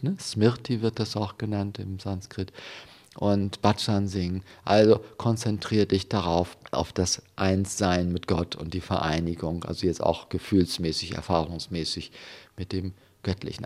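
A low-pitched man with a darkish tone, interviewed as a guest, talks as a spiritual devotee. He reflects informally on spiritual matters, building his explanation step by step while often checking in with short tag questions.

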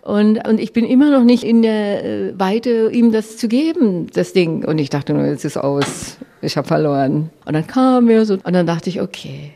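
A woman telling a personal anecdote to listeners, lively and animated, with frequent hesitations. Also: mid-range voice, moderate pace, gravelly, hardly any pauses. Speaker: storyteller.

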